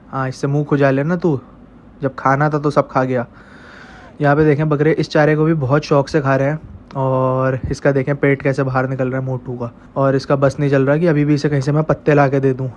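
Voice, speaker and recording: A man's voice: mid-range voice, darkish tone, dull audio, slight background noise. A man with a stuffy, congested voice narrates a casual vlog while feeding his goats and chickens, coaxing the animals as he goes. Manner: chatty, coaxing the animals directly. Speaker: vlogger raising goats and chickens at home.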